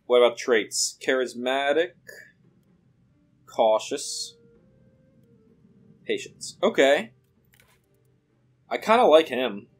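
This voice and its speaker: A man giving casual let's play commentary, thinking aloud with lots of fillers as he weighs his options. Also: mid-range voice. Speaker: game commentator.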